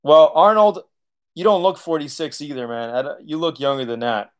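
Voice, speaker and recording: Sitting on a leather couch in his living room, an auto body channel host in his late thirties answers livestream chat questions in a loose, casual way, laughing a lot and cursing occasionally. His voice is a little high, and his pace is moderate.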